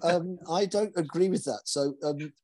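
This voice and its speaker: A man hosting an interview in casual conversation, speaking softly and hesitantly, often restarting his questions. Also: fairly high pitch, normal speed. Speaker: interview host.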